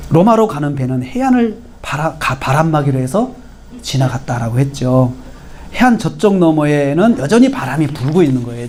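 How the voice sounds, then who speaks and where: Animated pastor preaching with swings in emphasis. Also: male voice, a little high, a little hiss or hum. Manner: emphatic, rising to stressed peaks then dropping to near-whispers. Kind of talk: expository sermon.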